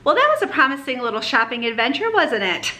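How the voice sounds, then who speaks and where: A woman's voice: a little high, very animated, fast talker, bright, forceful tone, a little hiss or hum. A woman narrating a casual shopping and cooking vlog in a chatty, upbeat way, thinking aloud as she goes. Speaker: home cook and shopping vlogger.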